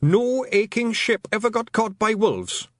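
A man's voice: wildly swooping pitch, moderate pace, fairly bright tone, dry recording, clean studio sound, full character voice. A man voicing a sly, frantic little male pixie chieftain who shrieks and gabbles in a Scottish accent. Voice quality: shrill, gabbling.

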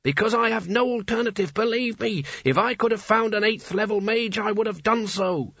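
A man's voice: sits high, moderate pace, gravelly, fairly bright tone, dry recording, lo-fi sound, pitched above the performer's own voice, exaggerated voice. A man voicing a pompous, ancient talking wizard's hat that speaks in an imperious, grandiose and sarcastic way. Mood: solemn, grand.

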